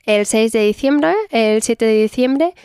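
A woman's voice: fairly high pitch, takes it slowly, mellow, smooth, no echo. A woman teaching German in a one-on-one lesson, patiently correcting pronunciation.

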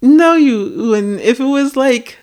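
A woman's voice: high-pitched, animated, takes it slowly, darkish tone. A woman co-hosting a casual chat, rambling and thinking aloud with lots of fillers. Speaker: podcast co-host.

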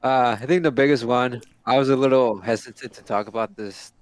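A man co-hosting a casual podcast, relaxed and joking, quick to set facts straight. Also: mid-range voice. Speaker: podcast co-host. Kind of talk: casual chat.

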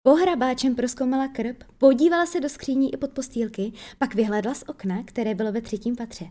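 A woman reads a children's storybook aloud, lively and storytelling. Her voice is soft and mellow, sitting a little high, and she now and then trips over a word. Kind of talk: storybook reading.

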